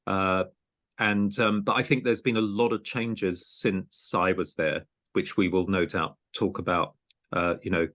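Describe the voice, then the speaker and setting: A man's voice: low voice, steady tone, unhurried, a bit bright. A man hosting an interview podcast, speaking in a hesitant, conversational way with frequent ums and restarts. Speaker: podcast host and programme director.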